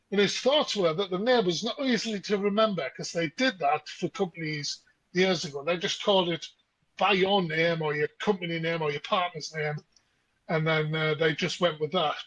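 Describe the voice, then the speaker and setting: Podcast co-host, male, higher voice, a relaxed yarn-spinner. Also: no echo, poor audio. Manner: chatty storyteller. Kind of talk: casual chat.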